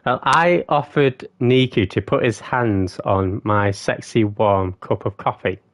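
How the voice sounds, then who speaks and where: Recorded in studio quality with no room sound, a man speaks a little slowly in a deep voice. He's casually chatting with live-stream viewers during a gaming session, being playful and jokey and sometimes breaking into silly song.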